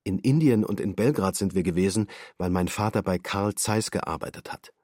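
A subdued male defendant in his thirties, voiced by a man in a documentary radio play. He gives testimony in short, terse sentences. His voice sits very low and sounds husky, and the recording is dry and close. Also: normal speed, a little mellow, no room sound. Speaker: voice actor. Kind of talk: documentary radio drama reading.

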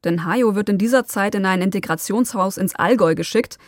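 A woman narrating a documentary podcast as its host, in a calm storytelling manner with occasional personal asides. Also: medium pitch, brisk, dry recording, studio quality.

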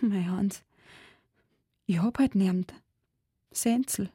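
A woman's voice: medium pitch, takes it slowly, dark tone, husky, no room sound, studio quality. A woman voicing a sick, frail, lonely young girl in dialect, speaking weakly and half-whispered. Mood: forlorn.

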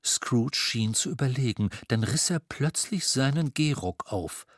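A man narrating a storybook in an expressive storytelling manner. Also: mid-range voice, measured pace, no room sound, studio quality. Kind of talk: audiobook narration.

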